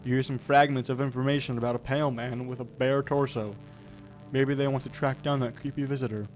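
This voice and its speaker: A man's voice: medium pitch, steady tone, a little fast. Guy reading out a game and joking around, faint music behind. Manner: casual, wry asides. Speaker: gameplay host. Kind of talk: reading game text and commenting.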